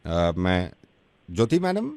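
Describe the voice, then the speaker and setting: A man's voice: low voice, wildly swooping pitch, slow pace, darkish tone, clear, resonant tone, no room sound. A male radio host pulls a prank over the phone. His teasing, playful voice rises and falls a lot, and he laughs often. The studio sound is dry and close. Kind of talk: prank call.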